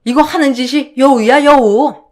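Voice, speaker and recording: A woman's voice: sits high, a little slow, voice pushed up. A woman voicing an older mother-in-law who scolds and rants, in a radio drama. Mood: ranting. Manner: scolding, shouting, self-pitying sighs.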